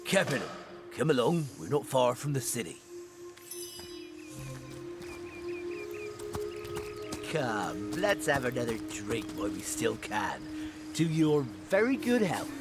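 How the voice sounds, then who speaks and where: An actor playing an easygoing, wry, tippling guard in a fantasy game, mocking in a laid-back way. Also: male voice, mid-range voice, very animated, normal speed. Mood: jovial. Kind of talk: fantasy video game voice acting. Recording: loud music under the voice.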